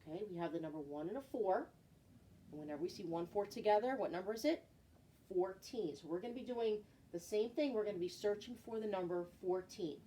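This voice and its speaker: A middle-aged woman with a mellow, medium-pitched voice teaches small children in the manner of a kids show host. She asks simple guiding questions and repeats key words. It is recorded in a living room with clear background noise. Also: fairly quick, rough recording.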